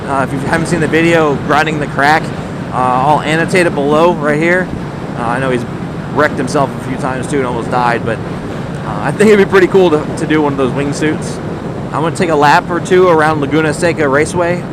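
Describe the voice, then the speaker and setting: A man talking casually and earnestly from inside a motorcycle helmet as he rides, rambling and thinking aloud in a motovlog. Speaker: vlogger talking to subscribers. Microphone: microphone inside a motorcycle helmet. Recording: loud engine rumble and road noise.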